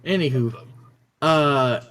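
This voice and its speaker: A man's voice: medium pitch, slow pace, a bit bright. Tipsy guy on a stream call, slurring a bit, swears a lot, chill gamer chat. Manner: crude, swears freely. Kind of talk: casual gaming chat.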